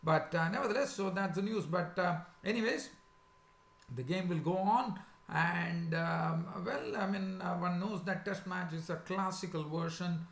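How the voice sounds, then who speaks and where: Male sports preview host, sore swollen throat with some creak, halting delivery, echoey room. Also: high-pitched. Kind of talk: casual unscripted sports preview commentary. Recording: echoey, roomy sound.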